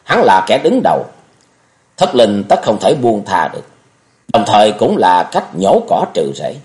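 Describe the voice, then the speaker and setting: A man's voice: on the low side, sing-song, a little slow. A man voicing an anguished young male swordsman who pleads and cries out, in an audiobook reading. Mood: solemn. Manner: pleading, shouts in grief.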